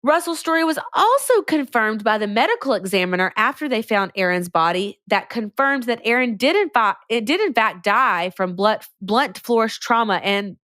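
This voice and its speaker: A woman's voice: a little high, animated, normal speed, few pauses, fairly bright tone, dry recording, studio quality. A woman co-hosting a podcast, chatting casually and sarcastically through a true-crime case. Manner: chatty, slangy, sarcastic asides. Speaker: podcast co-host.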